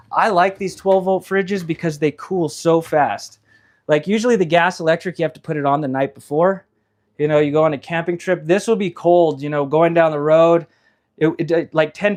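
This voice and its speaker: A man selling RVs who walks through travel trailers on a live stream, chatty and explanatory with lots of fillers, sweating in the heat. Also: a little high. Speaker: RV salesman giving a walkthrough. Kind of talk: casual live walkthrough. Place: inside and around trailers on a dealership lot.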